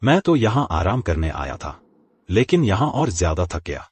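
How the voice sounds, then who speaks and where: A man's voice: low-pitched, sing-song, normal speed, husky, no echo, exaggerated voice. A man dubbing a weary, sarcastic young nobleman in a drama.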